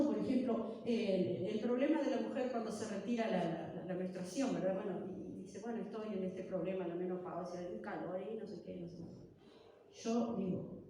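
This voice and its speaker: A woman's voice: medium pitch, dark tone, slight background noise. A middle-aged woman pastor preaching fervently, giving personal testimony with many rhetorical questions and repetitions. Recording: very echoey church hall, distant mic.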